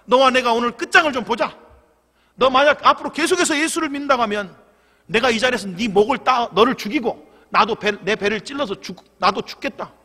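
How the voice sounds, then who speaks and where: A man's voice: sits high, big pitch swings, measured pace, heavily acted. A man voicing a stern, furious old grandfather who scolds his grandson, in a reverberant church hall. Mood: furious scolding. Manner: shouting, scolding.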